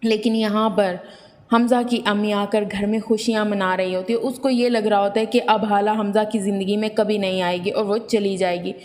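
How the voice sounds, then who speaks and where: A woman hosting a review channel who retells a drama episode in a steady storytelling way and reads the characters' lines in her own voice. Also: mid-range voice, long reverb tail. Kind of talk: scripted episode recap narration.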